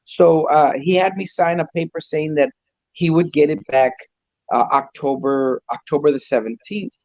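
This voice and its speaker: The speaker, a custom truck builder guesting on a talk show, has a slightly mellow voice on the high side with fairly even intonation and a moderate pace. He tells a long, rambling story casually, sprinkling in Spanish words and imitating what others said. The audio is dull with no echo.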